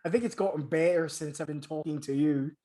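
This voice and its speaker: A man's voice: on the high side, fairly quick, dark tone, slight background noise. A man from New Jersey co-hosting a podcast, chatting casually and agreeably, with short replies. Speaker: podcast co-host. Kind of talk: casual chat.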